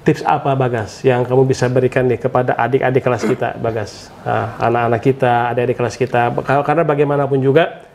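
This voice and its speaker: A man's voice: medium pitch, little pitch movement, fast, creaky, a little mellow, slight background noise. A middle-aged man hosting a casual podcast interview, fatherly and affirming, often humming along. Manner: fatherly, affirming with frequent hums. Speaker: podcast host, former teacher.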